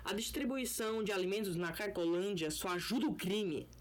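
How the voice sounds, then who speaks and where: A man hosting a casual solo podcast from his bedroom, talking in a loose, rambling and profane way. His mic gain is set too high, so his voice comes through clipped and distorted. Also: fairly quick. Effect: clipped, distorted audio from mic gain set too high. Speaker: podcast host. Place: bedroom in an apartment building. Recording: overdriven, clipping home mic.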